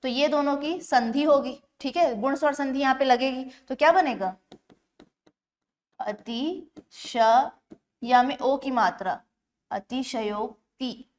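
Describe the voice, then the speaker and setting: A woman teaching an exam-prep grammar lesson, explaining step by step and slowing down to spell words out syllable by syllable. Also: sits high. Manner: explains step by step, often checks in with the class.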